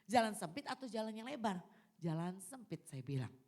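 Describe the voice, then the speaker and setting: A woman preaching a sermon in church, asking the congregation questions and telling personal stories in an animated way. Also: medium pitch, fairly quick. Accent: Indonesian. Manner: animated, asks the congregation questions and answers them. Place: church service.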